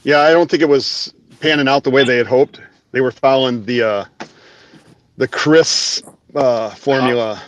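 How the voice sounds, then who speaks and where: A man's voice: mid-range voice, normal speed, a little hiss or hum, rough recording. A man co-hosting a casual reselling live show, joking and rambling, often trailing off mid-thought. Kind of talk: casual group chat.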